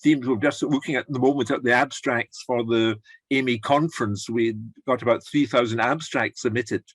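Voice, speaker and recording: A man's voice: medium pitch, fairly even intonation, normal speed, husky, no room sound. An older man leading an online course, chatting encouragingly over a video call and rambling with restarts. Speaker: course leader. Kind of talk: casual chat on a video call.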